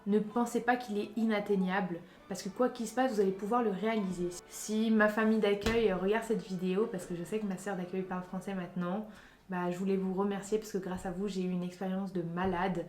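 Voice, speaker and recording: A woman's voice: mid-range voice, steady tone, fairly quick, darkish tone. A young woman from France chatting casually in a vlog, giving emphatic advice straight to her viewers. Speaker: vlogger. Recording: roomy echo with faint music.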